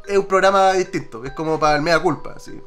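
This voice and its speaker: A Chilean man spins a rambling tale at a quick clip, his voice sitting high for a man. He talks loose and slangy, and faint music plays behind him. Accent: Chilean Spanish. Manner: rambling, slangy, lots of filler tags. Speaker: podcast panelist. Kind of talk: casual storytelling among friends.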